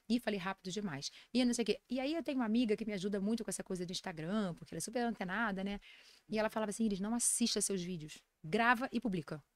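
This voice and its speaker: Brazilian woman, forties, podcast guest, fast animated storytelling, slightly high voice. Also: no echo. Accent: Brazilian Portuguese. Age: 40s. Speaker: guest nutritionist and lecturer. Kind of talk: casual podcast interview.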